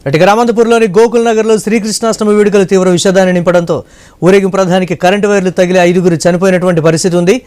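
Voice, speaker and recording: A man reading the news as a studio anchor, formal and steady. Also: high-pitched, rapid-fire.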